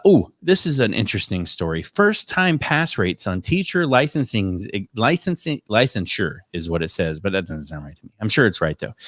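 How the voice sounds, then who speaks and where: Low-voiced man chatting casually, dry sound. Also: a bit bright, no echo. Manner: rambling, self-deprecating, conversational. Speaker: podcast host. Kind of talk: casual live-stream chat.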